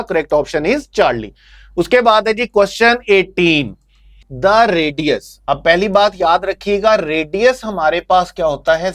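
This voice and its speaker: A male teacher with a Pakistani Urdu accent going through exam answers, who asks his own questions and answers them and calls the students "bete". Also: sits high. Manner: calls students "bete", reads English options slowly. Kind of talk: exam answer discussion lesson.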